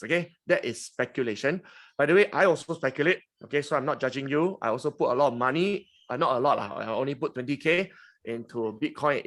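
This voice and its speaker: A man's voice: a little high, fairly bright tone. Chatty Singaporean man in his forties. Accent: Singaporean English. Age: 40s. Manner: chatty, teasing, frequent "okay?" and "huh?". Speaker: webinar host. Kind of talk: lively finance webinar talk.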